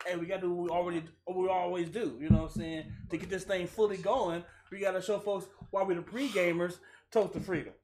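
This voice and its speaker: A man's voice: high voice, steady tone, quick pace, few pauses, a little mellow. A man co-hosting a show with casual banter among friends. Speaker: co-host. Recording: clear background noise.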